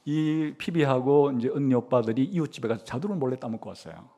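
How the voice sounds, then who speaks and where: Middle-aged male pastor, storytelling sermon, lively pitch, acts out the characters, lots of "uh" fillers. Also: fast talker. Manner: animated storytelling, acting out a child's and mother's lines; frequent "어" fillers, trailing soft endings.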